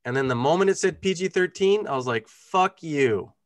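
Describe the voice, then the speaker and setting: A man's voice: a little high, fast, no echo. A blunt, crude, sweary man chatting casually as a panelist on a film podcast. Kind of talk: casual chat.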